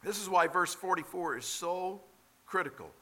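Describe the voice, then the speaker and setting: A man preaching a sermon, growing emphatic and loud on key phrases and slowing down to read scripture. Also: sits high, lively intonation. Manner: slows down for quoted scripture.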